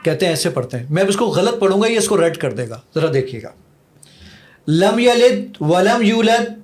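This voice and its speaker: A man's voice: on the high side, sing-song. A man who made an app, demonstrating it eagerly as a podcast guest and mixing English phrases into his speech. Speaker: app creator giving a demo.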